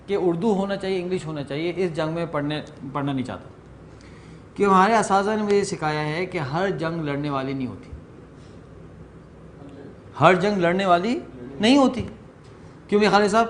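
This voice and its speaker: With slight background noise, a fairly high-pitched middle-aged man gives a relaxed training workshop talk full of anecdotes. He mixes English phrases in and acts out the conversations in his self-deprecating stories to the room.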